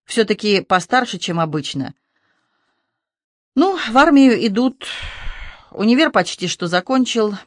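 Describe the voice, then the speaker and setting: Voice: mid-range voice, big pitch swings, measured pace, long pauses, dry recording, clean studio sound, pitched above the performer's own voice. A reader voicing a cheeky young man who jokes with his worried mother in a teasing, breezy way.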